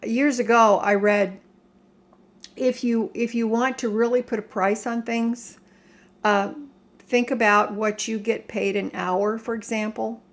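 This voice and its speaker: Older woman, American accent, slow halting delivery, creaky voice, plain-spoken, emphatic, casual home vlog rant. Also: a little high, steady tone. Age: older, 60s or above. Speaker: home vlogger. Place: home kitchen.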